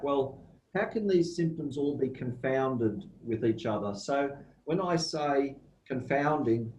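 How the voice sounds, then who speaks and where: Aussie guy giving an online lecture, slow and careful, lots of ums, bit of room echo. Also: fairly high pitch, darkish tone. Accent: Australian. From Australia. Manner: measured, slow and deliberate with frequent ums. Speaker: guest lecturer.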